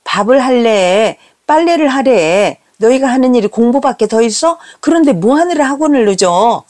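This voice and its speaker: A woman voicing a strict middle-aged mother who scolds her children with sharp, reproachful questions. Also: mid-range voice, very animated, unhurried. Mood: shrill nagging.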